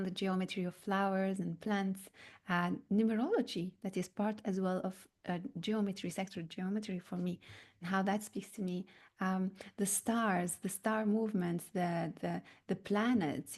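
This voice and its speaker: A woman from North Africa gives a reflective spiritual talk, slow and searching, with many pauses and fillers. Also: mid-range voice, darkish tone. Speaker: spiritual teacher.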